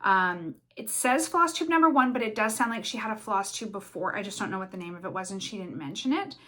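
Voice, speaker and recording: A young woman from Canada talking casually to her viewers about the craft channels she follows. She talks fast and rambles, with lots of ums, uhs and restarts. Her pitch sits in an ordinary middle range for a woman. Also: lively intonation, pushed and bright. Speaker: cross stitch vlogger. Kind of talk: casual chatty vlog.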